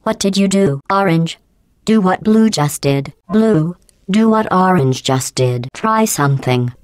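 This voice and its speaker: In video game voice clips, a cold, sarcastic female AI computer addresses her test subjects in a flat, condescending, passive-aggressive way. Her synthetic-sounding voice is low, smooth and clean, recorded dry and close with no room sound.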